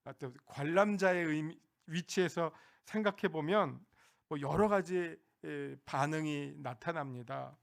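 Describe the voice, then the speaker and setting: A pastor preaching a Sunday sermon, talking directly to the congregation in a conversational way with frequent hesitations. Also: male voice, on the high side, measured pace, vocal fry.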